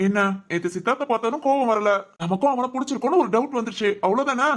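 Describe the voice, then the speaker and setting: A woman voicing a caring older brother who gently coaxes and teases his crying sister. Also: fairly high pitch, rapid-fire, lightly acted. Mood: reassuring. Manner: gentle, coaxing, affectionate teasing. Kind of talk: cartoon voice acting.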